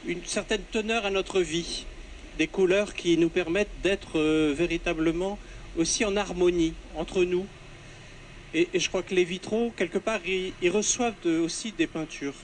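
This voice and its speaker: Male priest, higher voice, earnest, searching for words, interviewed in a noisy, echoey church. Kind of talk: spontaneous interview answers. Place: inside a church under renovation. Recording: echoing church interior with works noise.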